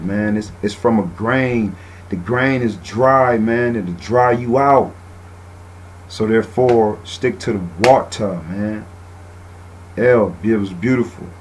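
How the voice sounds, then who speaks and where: A man with a very low voice hosts a laid-back radio talk show. He reads a passage aloud, then riffs on it casually in his own words, often tagging his lines with "man." A faint hiss sits under his voice. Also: darkish tone, rough recording.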